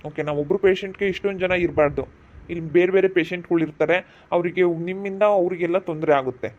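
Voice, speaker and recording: A stern, brisk doctor, played by a man, in a rural village drama, his voice pitched high and his words coming fast. He scolds and orders people about, and the lo-fi recording sounds dull. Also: close to an everyday voice. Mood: reassuring firm.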